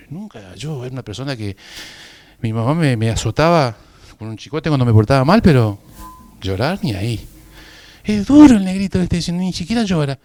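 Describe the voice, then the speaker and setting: A man's voice: mid-range voice, no room sound. A man from northern Argentina with an Argentine accent, giving a personal testimony in a church sermon. He tells his story vividly, acts out both sides of the conversations and often chuckles at himself. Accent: Argentine Spanish. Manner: lively storytelling, acting out both sides of dialogues.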